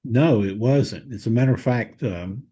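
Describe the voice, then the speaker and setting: Mellow Southern man, husky voice. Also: mid-range voice. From Tennessee. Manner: thoughtful, detailed recollection, pauses to search for words. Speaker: wrestling historian guest. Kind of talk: conversational podcast interview.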